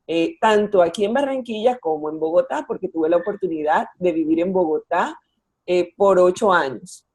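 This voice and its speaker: Coastal Colombian woman in her forties, low husky voice, warm explainer addressing kids over a video call. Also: expressive, normal speed. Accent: Colombian Caribbean coast. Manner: friendly, explanatory, with many fillers. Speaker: children's author and educator. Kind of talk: virtual talk to schoolchildren.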